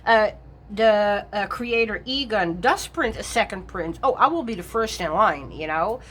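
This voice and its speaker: A woman's voice: mid-range voice, expressive, unhurried, a bit bright, slight background noise. Chatty woman rambling about her tarot decks. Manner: chatty and self-correcting, laughs often. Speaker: tarot vlogger. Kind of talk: rambling casual chat.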